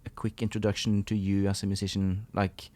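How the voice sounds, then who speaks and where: A man's voice: on the low side, monotone, fairly quick, mellow. A man hosting a music podcast, asking questions in a rambling, enthusiastic way with many fillers. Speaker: podcast host. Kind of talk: casual interview.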